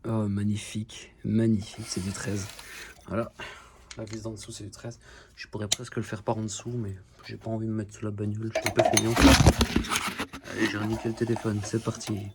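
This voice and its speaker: A man's voice: lowish voice, flat delivery, fairly quick, very noisy. A man filming himself on a phone while working on his car, chatting nonstop in a joking way and swearing often. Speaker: DIY car repair vlogger. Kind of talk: casual chatty self-filmed video. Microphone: phone camera.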